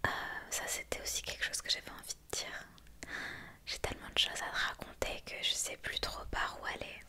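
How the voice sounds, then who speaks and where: A young woman whispers closely in a breathy voice, chatting intimately and unscripted to one listener in an ASMR style. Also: fairly quick, sharp tone. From France. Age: young adult. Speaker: ASMR creator and vlogger. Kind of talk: whispered ASMR casual chat.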